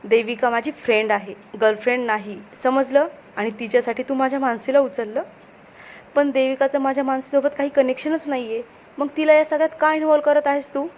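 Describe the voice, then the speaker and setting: A woman's voice: sits high, steady tone, moderate pace, a little mellow, slight background noise, lightly acted. Woman voicing a panicky angry young guy, marathi accent, kinda dull lo-fi sound. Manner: urgent, demanding.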